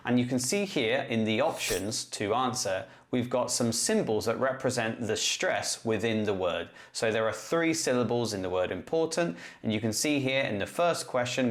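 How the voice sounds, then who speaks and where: Methodical man explaining a classroom tutorial. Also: on the low side. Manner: clear, methodical, step-by-step explaining. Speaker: English teacher.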